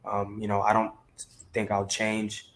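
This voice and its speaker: Here the guest is a man from Maryland, near DC, who works as a talent manager and chats casually in an interview, leaning on "you know" a lot. He speaks low, monotone and unhurried, with a creaky quality.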